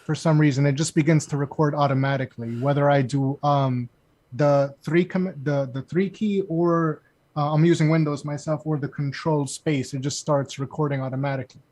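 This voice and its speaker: A man's voice: on the high side, darkish tone, no echo. A male student politely asking his instructor a question during an online class. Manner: polite, apologetic.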